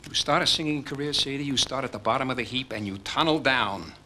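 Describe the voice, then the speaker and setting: A man's voice: medium pitch, quick pace, sharp tone, a little hiss or hum. An actor playing a domineering, scornful rich father who lectures his grown daughter. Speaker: overbearing father.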